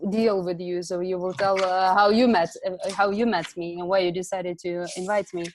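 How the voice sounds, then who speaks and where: A woman's voice: fairly low pitch, little pitch movement, moderate pace, darkish tone, a little hiss or hum. A woman from Ukraine, speaking on a video call from home as a guest speaker, hesitant, with many fillers and restarts. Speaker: community organizer, guest speaker. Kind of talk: casual online talk.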